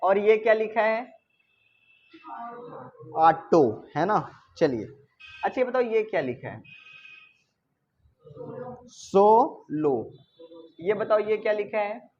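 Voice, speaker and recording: A man teaching English pronunciation to a class, asking questions and repeating words slowly. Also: high-pitched, very animated, muffled recording, a little hiss or hum. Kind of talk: classroom lesson.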